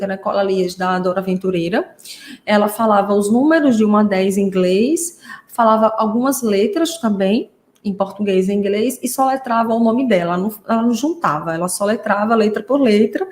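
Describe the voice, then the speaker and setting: Woman therapist giving a live class to parents, keeps asking "né?", mid pitch, roomy echo. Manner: warm explanatory, frequent "né?" tags. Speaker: speech therapist teaching parents.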